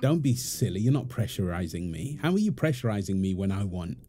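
A man with a fairly low, sing-song voice speaks a little fast over crowd noise. He plays a playful, teasing young husband and doting father in an intimate, affectionate domestic ASMR roleplay, full of chuckling banter. He is a roleplay audio performer.

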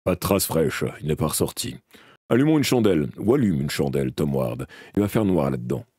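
A stern, steady monster hunter, put on by a male reader, speaking in a very deep, dark voice. His orders come out low and gruff, with a husky edge, calm even in danger. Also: brisk, no room sound, studio quality, full character voice. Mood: grave, calm.

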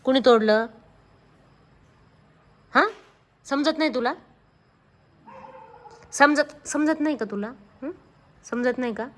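A woman vlogger at home, scolding and asking the same sharp question again and again. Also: high voice, moderate pace. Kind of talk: casual home video.

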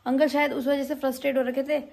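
A young woman vlogging at home, telling a lively story to her viewers in a casual chat. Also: high-pitched, quick pace, gravelly. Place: home, indoors.

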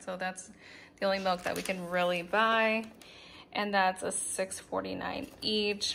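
A woman's voice: mid-range voice, creaky, a bit bright. Young woman, home vlogger, casual chatty narration off-camera, phone mic, slight background noise. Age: young adult. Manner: chatty, list-like, frequent ums and restarts. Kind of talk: casual grocery haul narration. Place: home kitchen, indoors.

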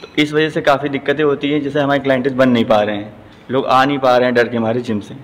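A middle-aged man speaks into a handheld news mic in a large indoor gym, and the room gives his voice a long, echoing tail. His answers are plain and steady, and he often says "ji" between points. A faint hiss sits under the recording. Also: medium pitch, quick pace. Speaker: gym owner and trainer. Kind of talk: news interview. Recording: long hall reverb, faint noise.

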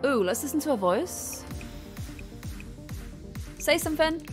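Excitable young woman streaming a game. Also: high-pitched, slow, soft background music. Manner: chatty, excitable, laughs often. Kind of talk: live game stream commentary.

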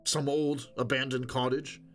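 A man's voice: medium pitch, level tone, measured pace, a bit bright, faint music behind, lightly acted. A man voicing a curt, weary scavenger who speaks wryly to his wife. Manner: curt, wry, mumbling.

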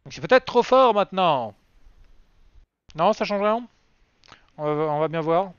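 A man's voice: sits high, animated, a little slow, a bit bright, smooth, no room sound. A man chatting casually on a game live stream, rambling and self-mocking with lots of fillers. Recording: dry, slightly dull lo-fi sound.

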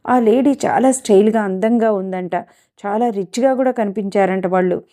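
A woman's voice: mid-range voice, moderate pace, mellow, natural voice. A woman reading the part of a young woman who earnestly speaks about the father who left her. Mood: wistful.

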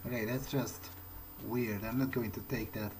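A let's player speaks in character while giving video game commentary, thinking aloud in hesitant, halting, broken phrases. His voice is medium-pitched and steady with a darkish tone. Video game music plays in the background along with a little hiss or hum.

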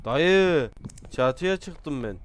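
A young man talks over friends in a co-op game, loud and joking, swearing freely and firing off words in quick repeated bursts. His voice sits a bit high for a man. A faint noise hums under the recording. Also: lively intonation. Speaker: gamer. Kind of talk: casual multiplayer game chat.

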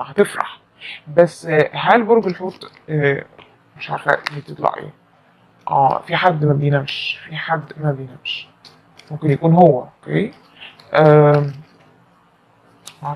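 A woman's voice: low-pitched, darkish tone, husky. A woman with an Egyptian Arabic accent giving a chatty, emphatic tarot reading to camera and repeating her phrases. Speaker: tarot reader.

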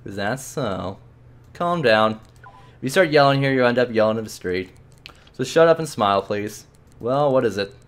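A man's voice: mid-range voice, animated, normal speed, long pauses, close to an everyday voice. A man voicing a rude, bored, heavyset male archive clerk who grumbles and brushes people off, reading a game's dialogue aloud. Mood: surly. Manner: surly, dismissive, grumbling.

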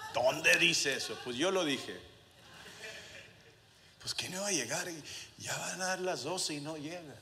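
In a church sanctuary, a male pastor with a fairly high voice preaches a sermon, shifting from soft asides to the congregation to shouted passages and slipping in English phrases. The sound reverberates through the hall with faint room noise.

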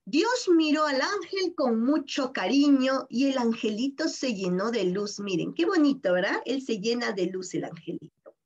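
High, lively Peruvian woman teacher. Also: normal speed, few pauses, dull audio. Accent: Peruvian Spanish. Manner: warm-toned, explanatory, keeps asking "¿verdad?". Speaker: primary school teacher. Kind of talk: reading comprehension lesson for children.

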